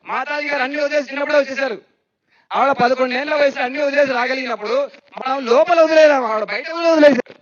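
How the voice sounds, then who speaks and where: A man giving a spiritual discourse on meditation, lively and questioning, who repeats phrases for emphasis. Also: extremely high pitch, fast. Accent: Telugu. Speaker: spiritual speaker. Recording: dull lo-fi sound.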